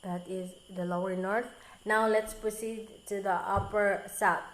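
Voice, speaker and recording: Woman student, slow-paced halting slide reading, echoey room. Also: mid-range voice, steady tone. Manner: halting, careful reading with frequent restarts on hard words. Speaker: student presenter. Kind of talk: reading a recorded class presentation.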